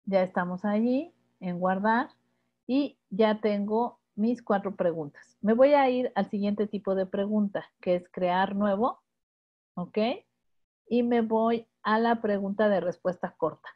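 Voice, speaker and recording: A woman's voice: mid-range voice, measured pace. A woman with a Mexican accent leading a live webinar tutorial, explaining step by step and checking in with her listeners. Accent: Mexican Spanish. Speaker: instructor. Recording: dull lo-fi webinar audio.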